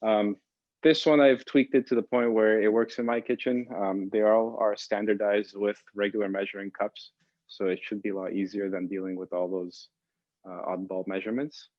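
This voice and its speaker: A man who grew up in the Boston area, a pastry chef casually explaining recipes to an online audience, relaxed with many fillers. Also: lowish voice, moderate pace, no echo, dull audio. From Boston area, United States.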